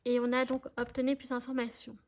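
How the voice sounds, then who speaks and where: A woman's voice: on the high side, monotone, fairly quick, slight background noise. A woman giving a casual tarot reading to her viewers, chatty and hesitant, often checking that they follow her. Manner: chatty, hesitant, many fillers, addresses viewers directly. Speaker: tarot card reader.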